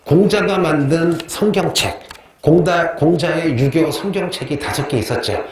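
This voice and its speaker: A man teaches history at normal speed in a slightly high voice with a darkish tone. He asks questions and answers them himself, repeats key terms, and tells joking anecdotes in a chatty way. The recording is from a very echoey classroom with faint noise.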